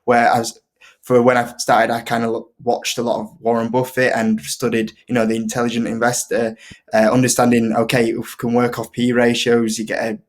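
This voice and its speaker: A man's voice: mid-range voice, monotone, a little fast. A man from northern England with a Yorkshire accent, chatting informally as a guest in a casual interview. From Leeds, Yorkshire, UK. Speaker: investing video creator, guest.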